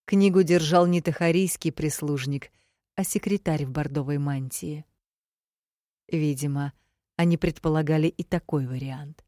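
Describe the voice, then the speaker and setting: A woman reading a first-person fantasy audiobook, measured and emotive. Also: low voice, mellow, dry recording, studio quality. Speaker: audiobook narrator.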